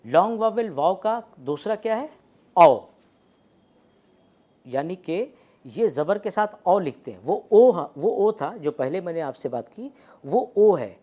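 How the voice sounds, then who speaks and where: A man teaching letters and vowels in a recorded lecture. He explains patiently, says the example words slowly and repeats them, and often checks in with the class. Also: high-pitched, very animated, dark tone. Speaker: Urdu language teacher.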